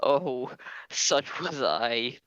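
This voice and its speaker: A man voicing the mournful ghost of a dead old miser, speaking slowly and gravely in an amateur dramatic reading. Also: medium pitch, expressive, a bit bright, no echo, low-quality recording. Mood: lamenting. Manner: slow, grave, lamenting delivery.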